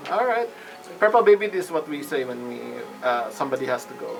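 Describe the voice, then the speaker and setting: A man narrating a live tabletop game as game master, halting and suspenseful. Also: a little high, very animated, music in the background, rough recording.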